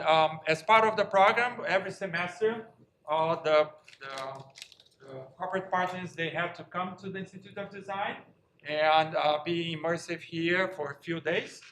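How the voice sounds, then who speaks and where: A man, a faculty member, introducing a speaker in a halting way with many fillers. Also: on the high side, pushed and bright, slight background noise. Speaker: faculty member and program director. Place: lecture room. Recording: echoey lecture hall.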